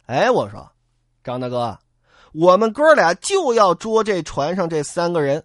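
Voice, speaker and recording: A man doing a smooth-talking bandit leader. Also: high-pitched, big pitch swings, unhurried, a bit bright, no room sound, studio quality, full character voice. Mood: coaxing. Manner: wheedling then threatening.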